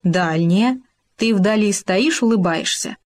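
Lady reading as a squeaky little hamster guy, slow and innocent, patient. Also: lightly acted. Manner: calm, innocent, explaining patiently. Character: small clever squeaky male hamster. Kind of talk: storybook reading.

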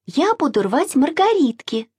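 A woman voicing a lively, teasing little girl in a storybook reading, calling out in a high, excited voice. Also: measured pace, no echo, clean studio sound.

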